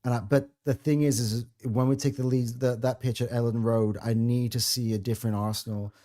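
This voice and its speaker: A man's voice: mid-range voice, level tone, brisk, mellow. A man hosting a football podcast, talking with passion and rambling through restarts. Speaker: podcast host. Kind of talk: casual football podcast chat.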